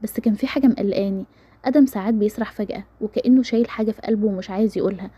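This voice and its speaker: A woman with an Egyptian accent reading a romance story aloud in a brisk, steady first-person narration. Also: medium pitch, slightly rough, no echo. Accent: Egyptian Arabic.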